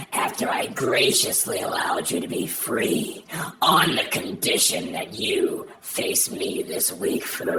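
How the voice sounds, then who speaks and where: A man playing a menacing wrestling heel who hisses his threats in an extremely gravelly, breathy voice. He sounds far from the mic, with clear background noise behind him. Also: fairly low pitch, full character voice. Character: menacing male wrestler cutting a promo.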